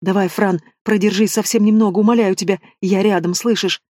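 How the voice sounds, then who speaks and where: A man's voice: high voice, fairly even intonation, a little fast, darkish tone, dry recording, clean studio sound. A man voicing a desperate young wife of a dying king, pleading and urgent.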